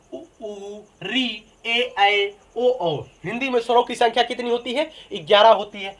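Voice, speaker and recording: Male teacher, fairly high voice, drills points by asking and answering himself. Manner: repeats each point as a question and answers it. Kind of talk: Hindi grammar lesson.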